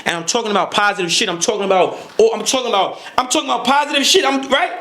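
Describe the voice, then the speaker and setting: A man's voice: sits high, racing, bright, forceful tone. A man speaking as a podcast guest, emphatic and profane, repeating words as he pushes his point. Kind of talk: heated interview talk.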